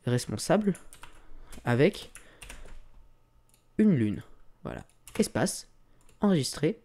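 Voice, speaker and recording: A man's voice: a little high, takes it slowly. A man giving a casual, screen-recorded tutorial, talking through each click with lots of fillers. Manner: relaxed, talks through clicks with many fillers. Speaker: tutorial creator.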